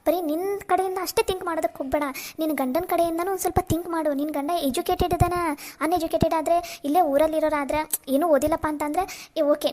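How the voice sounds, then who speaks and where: A woman's voice: sits high, a little mellow, lightly acted. A woman voicing a caring but firm young friend in a cartoon, comforting and lecturing.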